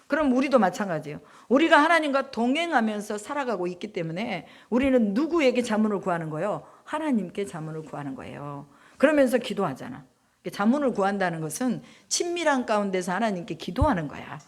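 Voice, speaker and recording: 설교하는 여성 목회자, 묻고 답하는 말투. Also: female voice, medium pitch, big pitch swings, fast. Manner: conversational preaching with rhetorical questions, acting out prayers. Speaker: missionary preacher. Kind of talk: sermon.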